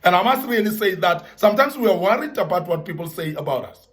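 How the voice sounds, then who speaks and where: Man, high voice, earnest motivational speaker who leans on repetition and scripture. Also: animated, fast, a bit bright. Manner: earnest, repetitive emphasis, Bible references. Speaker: speaker giving advice to young men. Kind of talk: motivational talk.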